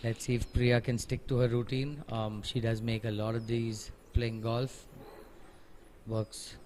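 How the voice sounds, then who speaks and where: A man's voice: mid-range voice, little pitch movement, measured pace, a little mellow, a little hiss or hum. A man giving conversational live golf commentary, analysing each shot and offering encouraging remarks.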